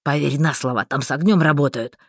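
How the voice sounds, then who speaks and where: A woman voicing an impulsive young male fire mage who is eager and quick to flare up. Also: deep voice, dry recording, studio quality, voice pushed down.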